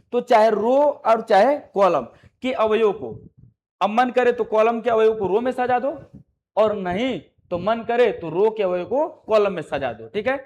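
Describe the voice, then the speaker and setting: A male maths teacher giving a classroom lesson, coaxing students and repeating his questions back to them. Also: sits high.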